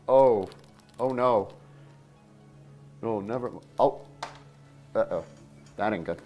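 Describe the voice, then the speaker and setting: A low-voiced man talks half to himself during a livestream, trailing off into quiet asides and small exclamations. His tone is relaxed and offhand. Faint music plays behind him. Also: slow pace, highs cut off. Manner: mumbling asides to himself while working. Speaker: host building a model kit on stream. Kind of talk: casual livestream commentary.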